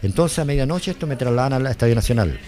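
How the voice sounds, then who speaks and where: Older chilean guy telling his story quick, keeps saying "i told him", medium pitch voice. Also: animated, a little mellow. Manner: rambling, repeats "le dije yo", quotes others. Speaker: interviewee, former driver. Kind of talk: emotional personal testimony.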